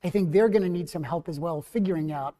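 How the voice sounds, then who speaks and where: A middle-aged man with a New Jersey accent moderating an academic panel in a measured, thoughtful, self-correcting way. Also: on the high side, dark tone, in a large hall.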